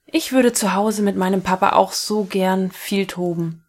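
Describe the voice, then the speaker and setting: A woman voicing a young schoolboy, sad and wistful, in a read-aloud story, with a breathy tone and a raised, pleading delivery. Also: medium pitch, measured pace, a little mellow.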